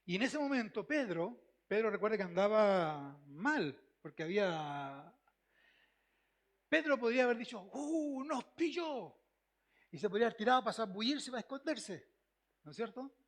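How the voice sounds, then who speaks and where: Pastor chileno de voz aguda. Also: male voice, sits high, expressive, moderate pace, long pauses. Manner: emphatic, repeats phrases, asks the congregation questions. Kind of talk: sermon.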